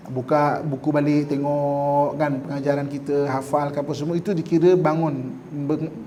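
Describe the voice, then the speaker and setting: A man's voice: on the high side, dark tone, slight background noise. A man with a Malaysian Malay accent giving a morning religious lecture in a conversational way, often checking in with the audience and joking with them. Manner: conversational, constantly asks "kan?" to the audience; jokes and laughs with the congregation. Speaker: religious teacher. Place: mosque lecture hall.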